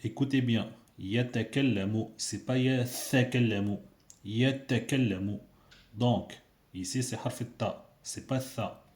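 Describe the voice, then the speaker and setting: A man's voice: medium pitch, takes it slowly, darkish tone. A man teaching a casual video lesson, patiently repeating sounds for learners. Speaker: Arabic teacher. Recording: echoey room.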